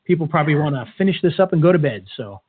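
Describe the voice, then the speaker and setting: Upbeat joking man, slightly high voice, casual webinar co-host, thin telephone-like webcam sound. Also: lively intonation, racing, breathy edge. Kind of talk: casual, informal presentation chat. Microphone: webcam webinar call. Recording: tinny, phone-like band-limited webinar audio.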